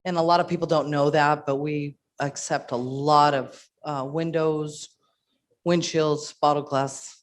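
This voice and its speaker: A woman's voice: deep voice, steady tone, unhurried. Earnest, encouraging female panelist. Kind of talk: panel discussion.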